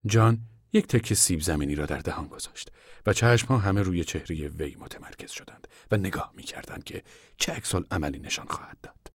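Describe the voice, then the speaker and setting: Fields: deep-voiced male narrator, soft and measured. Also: no room sound. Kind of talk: scripted narration of a novel.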